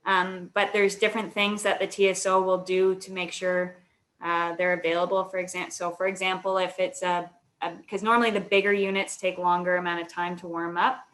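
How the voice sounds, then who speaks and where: A woman's voice: lowish voice, little pitch movement, fairly quick, fairly bright tone. A woman answering questions as an alumna guest in a webinar, explaining at length with frequent fillers over a video call.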